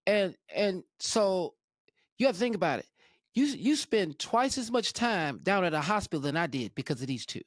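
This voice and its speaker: A male talk show host with a lively, swinging voice, speaking casually and often stumbling and restarting mid-sentence. The sound is dry and close, with no room around it. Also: high-pitched, normal speed, no echo. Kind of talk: casual interview chat.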